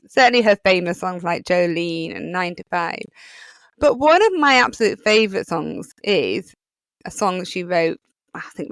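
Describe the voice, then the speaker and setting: A woman's voice: lowish voice, no room sound. A woman with a Yorkshire accent hosting a solo podcast, talking in a chatty, rambling way with many fillers. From England. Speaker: podcast host.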